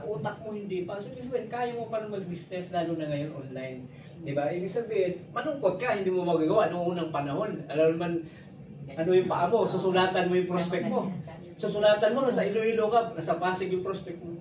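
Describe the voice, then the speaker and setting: A man with a Filipino accent giving a business opportunity presentation, telling stories in a chatty way and joking often. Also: high-pitched. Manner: chatty storytelling, jokes and laughs often. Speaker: network marketing presenter. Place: presentation room. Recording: echoey room, distant mic, background noise.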